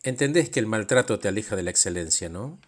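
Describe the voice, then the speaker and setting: A man, a coach narrating and asking calm, reflective questions. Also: lowish voice, quick pace, breathy edge.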